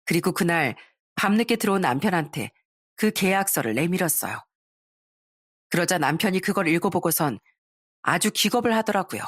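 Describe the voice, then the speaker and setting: A woman's voice: fairly low pitch, sing-song, normal speed, a bit bright, husky, no room sound. Woman telling a dramatic first-person radio story, indignant tone, dry close sound.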